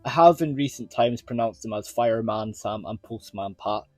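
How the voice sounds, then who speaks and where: A Scottish YouTuber who reviews children's TV shows talks casually to viewers about his own channel, his lowish voice a little mellow and moderately paced. There's faint music behind him and no echo, and he's earnest and rambling, circling back over points.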